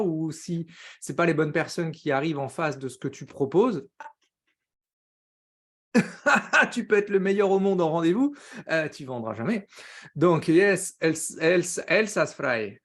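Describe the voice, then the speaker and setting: Upbeat fast-talking coach, a man. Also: fairly high pitch, expressive, fairly bright tone. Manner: says he talks very fast; upbeat, greets viewers by name, drops English words. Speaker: business coach hosting a live stream. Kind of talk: energetic live-stream talk.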